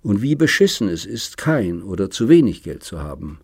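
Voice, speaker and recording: A man voicing a lonely, generous old man in an audiobook, speaking in a measured, earnest way. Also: low-pitched, big pitch swings, vocal fry, a little mellow, husky, dry recording, clean studio sound, exaggerated voice. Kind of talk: audiobook reading.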